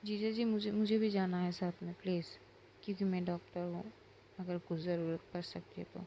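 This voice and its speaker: A woman's voice: lowish voice, flat delivery, fairly quick, creaky, warm tone, dull audio, a little hiss or hum. A woman voicing an urgent young doctor.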